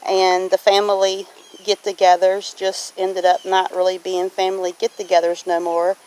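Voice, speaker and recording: A middle-aged homesteading vlogger speaks in a medium-pitched, somewhat mellow monotone at a moderate pace, casually answering questions in a folksy, reflective, plainspoken way. She's outside on her farm, and the rough recording picks up clicks, farm animals, and honking geese.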